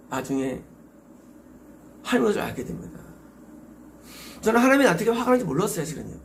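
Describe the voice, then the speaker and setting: Gravelly, high-pitched Korean pastor preaching. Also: male voice, slight background noise. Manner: emphatic, exhorting with rhetorical questions. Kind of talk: sermon.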